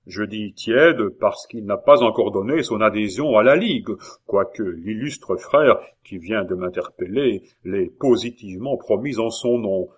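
A man's voice: fairly low pitch, unhurried, hardly any pauses, slightly rough. A man playing a fiery zealot innkeeper orator. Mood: impassioned. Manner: impassioned, rousing speechmaking. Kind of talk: audiobook character reading.

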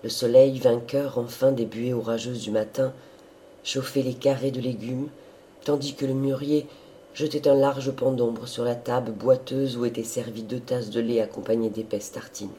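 A man reading a novel aloud in measured, even narration. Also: mid-range voice, a little hiss or hum. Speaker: audiobook reader. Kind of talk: scripted narration.

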